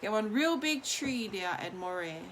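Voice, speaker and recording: Woman, bright voice, hawaiian pidgin, reading bible stories out loud, bit of background noise. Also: mid-range voice, lively intonation, moderate pace. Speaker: host of a daily online Bible reading.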